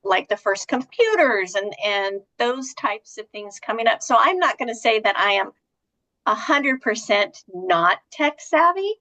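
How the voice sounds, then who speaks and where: A woman's voice: on the high side, expressive, a little slow, bright, forceful tone, poor audio. A woman in her fifties co-hosting a talk show, chatty and self-deprecating, full of "you know" and "right?". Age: 50s. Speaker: podcast co-host. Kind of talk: casual chat.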